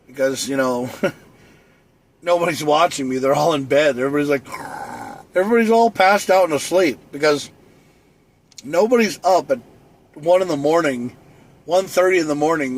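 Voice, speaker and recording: A man chatting through a late-night livestream, rambling and joking around. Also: a little high.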